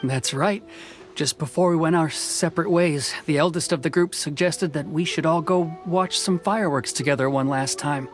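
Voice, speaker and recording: An actor playing a polite, modest tradesman in a video game, with a measured, courteous delivery. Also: fairly high pitch, lightly acted. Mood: wistful. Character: modest, polite adult male tradesman and boat builder. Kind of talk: English video game voice acting. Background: background music.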